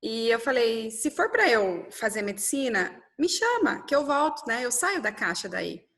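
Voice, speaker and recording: Brief: thirties woman, somewhat high voice, animated interview storytelling that voices other people's lines. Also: moderate pace. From Brazil. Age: 30s. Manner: animated, quotes dialogue, frequent "né?".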